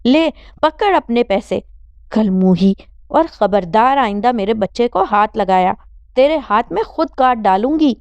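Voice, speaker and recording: Woman voicing a shrill, cursing doting mother. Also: smooth, dry recording, natural voice. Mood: scolding. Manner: wailing, cursing, sharp-tongued.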